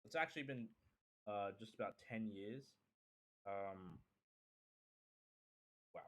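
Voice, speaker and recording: Speaking slowly in a fairly low voice, a young man in his early twenties introduces himself as a streamer. Originally from Sri Lanka, he later lived in Kuwait and then Australia, and he chats casually with viewers in a hesitant, rambling manner, repeating phrases.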